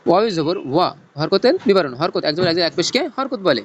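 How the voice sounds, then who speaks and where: A man teaching Noorani Quran reading in a lesson, spelling out letters and tajweed rules in a slow teaching chant. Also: high voice, lively intonation, highs cut off, a little hiss or hum. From Bangladesh.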